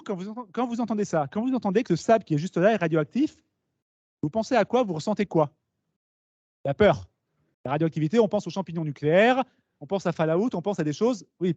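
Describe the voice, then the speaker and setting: Guy giving a talk, lots of asides and questions to the room, highish voice, dull lo-fi meeting recording. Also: no room sound. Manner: lively, explains with asides and questions to the audience. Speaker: speaker at a talk. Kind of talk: conference talk to students.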